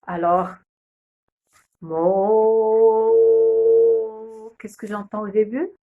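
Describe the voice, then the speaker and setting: A young woman, a kindergarten teacher, slowly and patiently sounding out letters and syllables in a phonics lesson video. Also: on the high side, narrow, tinny audio, faint music behind.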